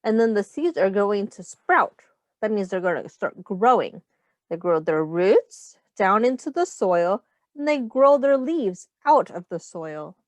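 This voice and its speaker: In an animated, mid-range voice at a measured pace, a woman teacher shares a picture book with young children, speaking to them directly. She explains simple words, notes the rhymes, and poses questions, with no room sound on the recording.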